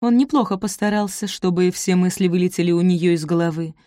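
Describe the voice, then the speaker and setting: A woman reading a romance novel aloud as narrator, measured and even. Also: lowish voice, no echo, studio quality. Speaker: audiobook narrator. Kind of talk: scripted narration.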